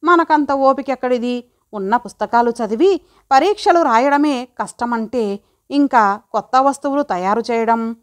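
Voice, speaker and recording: A woman narrating a first-person audio story in a lively, chatty way. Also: fairly high pitch, normal speed.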